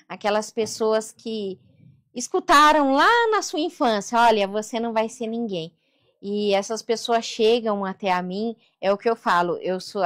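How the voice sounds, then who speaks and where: A woman's voice: medium pitch, fairly bright tone. A woman with a Brazilian Portuguese accent, a therapist and coach telling her life story as an interview guest, earnest and faith-driven, often adding "né". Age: adult daughter of a seventy-year-old mother. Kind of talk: emotional personal storytelling.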